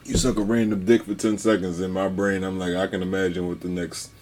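Deep-voiced blunt man in casual chat. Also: little pitch movement, darkish tone, slight background noise. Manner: blunt, crude, quick to laugh. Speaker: podcast co-host. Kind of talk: casual late-night chat. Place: home room at night.

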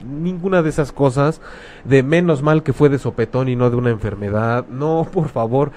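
A man's voice: medium pitch, normal speed, darkish tone. Mexican guy hosting a chat, blunt and slangy, acts out what people say. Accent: Mexican Spanish. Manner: frank, blunt, uses slang, acts out quoted speech. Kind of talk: casual conversational advice talk.

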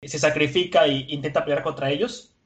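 A man casually recapping an episode, animated and chatty with many fillers. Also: fairly high pitch, a little fast.

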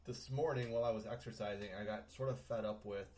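A man's voice: lowish voice, steady tone, fast, a little mellow. A middle-aged man co-hosting a home podcast, rambling through a story with lots of fillers. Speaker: podcast co-host. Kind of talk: casual chat. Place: home bedroom.

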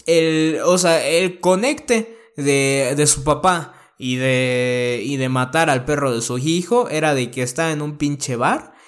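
A young man with a Mexican Spanish accent, retelling a film scene in slangy, profane, animated casual chat. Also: fairly high pitch, takes it slowly, few pauses.

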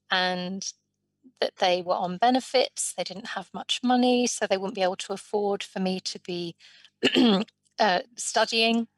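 A woman voicing a guest's life story in an interview, in measured, drawn-out phrases. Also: medium pitch, a bit bright, no room sound.

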